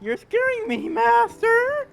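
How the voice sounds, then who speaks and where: A friend on a voice call whose mic is clipping and distorted, giving squeaky, over-the-top reactions in casual gaming banter. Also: very animated, takes it slowly, gravelly, soft background music.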